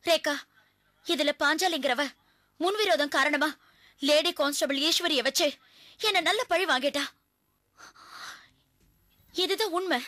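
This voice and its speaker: A woman's voice: sits high, measured pace, pauses often, no echo, clean studio sound. An actress playing a wronged woman police officer who explains steadily and vows revenge, in a TV serial drama. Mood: resolute. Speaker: police officer, under arrest. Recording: loud background music score.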